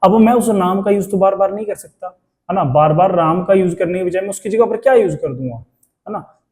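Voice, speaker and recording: Man, grammar teacher, high voice, mellow tone, rhetorical questions, slow English phrases. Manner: asks the class rhetorical questions; reads English phrases out slowly. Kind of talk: classroom lecture in Hindi-English mix.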